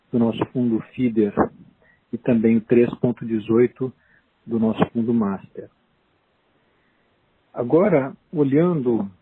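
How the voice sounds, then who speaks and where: A man with a Brazilian accent giving an unscripted business presentation as an investment officer, halting and explanatory. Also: mid-range voice, breathy edge. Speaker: investment fund chief investment officer. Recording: noisy narrow phone line.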